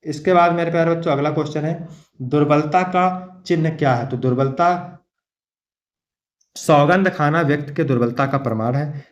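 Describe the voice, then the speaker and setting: A man's voice: a little high, reverberant, muffled recording. A male teacher giving an exam-preparation lecture, reading verses aloud and then explaining them, and calling his students his dear children.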